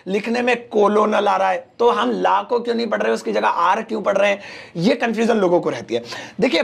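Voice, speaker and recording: A man's voice: high-pitched, creaky. A man with an Indian accent, teaching English online and patiently answering viewer questions with English phrases mixed in. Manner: explains patiently in Hindi with English phrases, reads out comments.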